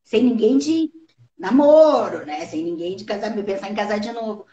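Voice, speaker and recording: A woman hosting a casual live-stream conversation, lively and swooping in pitch as she explains. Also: moderate pace. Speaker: live show host. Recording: roomy, slightly dull live-stream audio.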